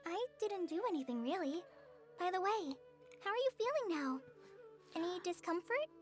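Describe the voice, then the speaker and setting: A woman's voice: extremely high pitch, very animated, moderate pace, soft background music. A woman voicing a young female trainee forest ranger in a game, modest and reassuring. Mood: gentle.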